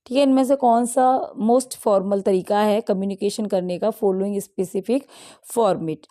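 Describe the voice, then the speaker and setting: A woman English teacher with a warm, mid-range voice goes through an exam practice set, explaining each answer. She mixes Hindi with English and reads the options slowly.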